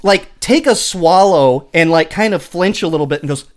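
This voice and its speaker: A man's voice: on the high side, normal speed. A man talking casually and enthusiastically about a film script, often stumbling and repeating words as he explains. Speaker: podcast co-host.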